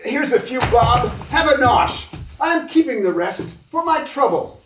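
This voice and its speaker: A man's voice: very high voice, lively intonation, measured pace, background noise. A man playing a cruel sneering freak-show owner. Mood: contemptuous. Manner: bullying, sneering, barking orders. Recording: roomy, distant from the mic.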